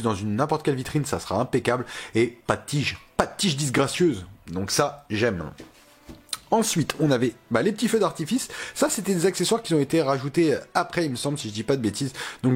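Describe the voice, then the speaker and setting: A man's voice: medium pitch, husky. A man with a French accent chatting casually through an unboxing review of a collectible figure, enthusiastic and slangy, joking at himself.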